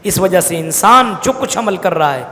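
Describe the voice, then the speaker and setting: High-voiced preacher in a reverberant mosque. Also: male voice, expressive, sharp tone. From India. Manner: explains verses, recites Arabic slowly then paraphrases; addresses listeners as brothers. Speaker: Islamic preacher. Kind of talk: Quran commentary sermon. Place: mosque hall.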